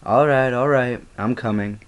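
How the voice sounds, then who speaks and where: Third-grade boy, calm but bashful, lifted pitch; a man reads him. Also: moderate pace, lightly acted. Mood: shy. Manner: calm, hesitant.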